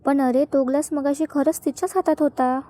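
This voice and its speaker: A woman voicing a gentle, fair-minded middle-aged mother in a TV drama recap. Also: sits high, fairly even intonation, fairly quick, lightly acted.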